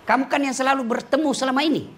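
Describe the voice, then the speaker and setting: The angel of death, as a preacher tells it. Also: male voice, extremely high pitch, rapid-fire, a bit bright, pitched above the performer's own voice. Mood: coaxing. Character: male angel of death, casual, coaxing.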